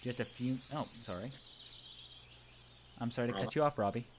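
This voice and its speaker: With slight background noise and faint game music, a man reads a visual novel aloud for a let's play among friends. His voice is medium-pitched and moderately paced, and his informal narration now and then stumbles over the script.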